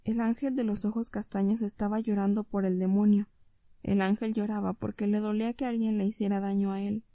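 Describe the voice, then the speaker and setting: Dark-toned woman narrating an audiobook. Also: mid-range voice, level tone, fairly quick, no room sound, highs cut off. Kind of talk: scripted narration.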